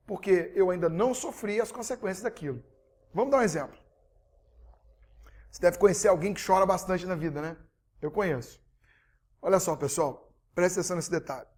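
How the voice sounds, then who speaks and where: Male coach, motivational webinar, energetic, direct to audience. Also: high-pitched. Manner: energetic, addresses audience directly, swings between soft and loud. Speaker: behavioral coach.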